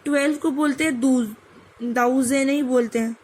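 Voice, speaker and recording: A woman's voice: high-pitched, fairly even intonation, a little fast, a little mellow, rough recording. A woman teaching French number pronunciation, mixing Hindi with English and sounding out each word. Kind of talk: online language lesson.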